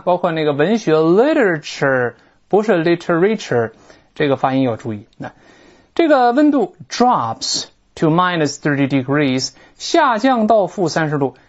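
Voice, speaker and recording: An English teacher giving a recorded lecture, explaining a textbook in Chinese, reading English example sentences slowly and often asking "right?". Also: mid-range voice, muffled recording. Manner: frequent tag questions and drawn-out fillers.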